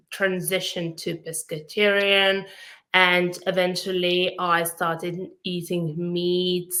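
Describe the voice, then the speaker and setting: Bright-voiced Lithuanian woman guest. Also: lowish voice. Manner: earnest, hesitant with frequent fillers. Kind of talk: casual interview.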